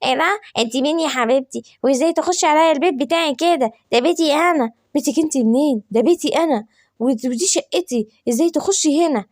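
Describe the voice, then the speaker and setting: An indignant neighbor lady, put on by a woman in a storybook tale, with a sharp, high, rapid-fire Egyptian voice. The tone is mellow and the sound is dry and close. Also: dry recording, natural voice. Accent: Egyptian Arabic.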